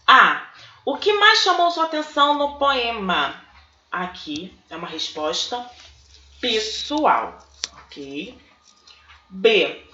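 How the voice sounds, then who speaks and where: A woman teacher, slowly working through textbook exercises and breaking words into syllables. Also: a little high, pushed and bright, slight background noise. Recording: dull, echoey room recording.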